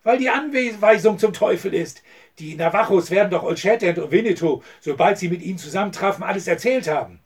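A man's voice: sits high, expressive, brisk, breathy edge, distant mic, voice pushed up, exaggerated voice. A man reading the part of a scheming, hot-tempered male oil swindler in an audiobook, talking agitated and bitter.

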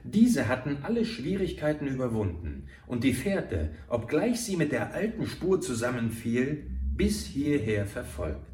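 A man reading an adventure novel aloud in a slow, dramatic storytelling manner. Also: medium pitch, big pitch swings, darkish tone. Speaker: narrator. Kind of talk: audiobook narration of an adventure novel. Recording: roomy, far from the mic.

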